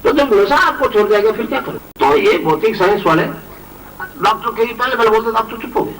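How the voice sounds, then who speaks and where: A man's voice: sits high, expressive, moderate pace, a bit bright, far from the mic, a little hiss or hum, rough recording. A man, a spiritual guru, giving an emphatic storytelling sermon that repeats its points.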